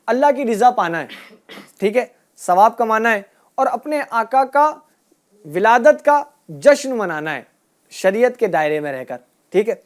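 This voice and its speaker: A woman teaching a group of children, asking them questions and repeating their answers, and drawing out key words slowly. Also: on the high side, animated. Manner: asks a question, then repeats the answer back. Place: room with children and a passed microphone.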